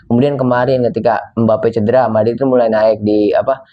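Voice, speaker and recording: A man co-hosting a casual football chat, with loose slangy banter and drawn-out words. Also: medium pitch, fairly even intonation, muffled recording. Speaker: football podcast co-host.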